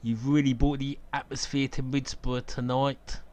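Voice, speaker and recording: A man's voice: medium pitch, flat delivery, normal speed, darkish tone. A man giving casual live football commentary from an outdoor stadium on a cold evening, chatty and opinionated and laughing at his own jokes.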